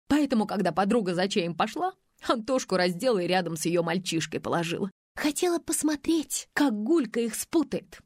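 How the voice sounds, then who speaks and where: A woman's voice: mid-range voice, darkish tone, dry recording, studio quality, natural voice. Woman voicing a brazen, defiant young mother. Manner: defiant, cocky. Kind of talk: audiobook reading.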